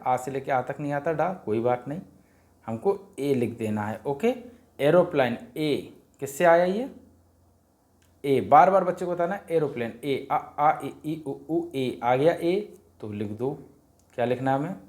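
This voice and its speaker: A man walks through a grammar worksheet, chanting vowel sounds in a sing-song drill. He keeps posing questions and answering them himself, in a middle-pitched voice. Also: a little mellow. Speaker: teacher explaining a worksheet. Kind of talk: Hindi grammar lesson for parents.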